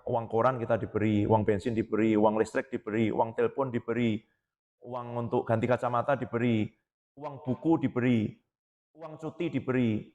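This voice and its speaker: A man preaching a sermon as a pastor, telling stories and quoting people in lively voices. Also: mid-range voice, muffled recording. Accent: Indonesian. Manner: animated storytelling, quoting others in voices. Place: church hall. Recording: long reverb of a church hall.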